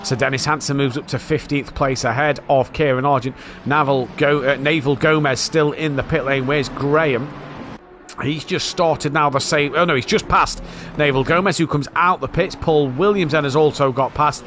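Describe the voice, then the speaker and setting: A man's voice: on the high side, steady tone, normal speed, a bit bright, a little hiss or hum. A man giving live race commentary as a motorsport commentator, calling the action as it happens.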